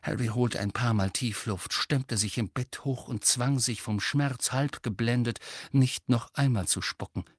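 A man narrating an audiobook in a measured, dramatic reading. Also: mid-range voice, slightly rough, dry recording, studio quality. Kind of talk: scripted narration.

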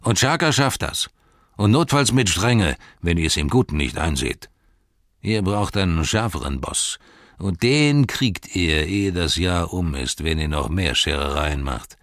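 A man's voice: sits low, lively intonation, unhurried, a bit bright, no room sound, clean studio sound. A man doing a sneering brutish ruffian. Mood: threatening. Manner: bullying, menacing, drawls and spits words.

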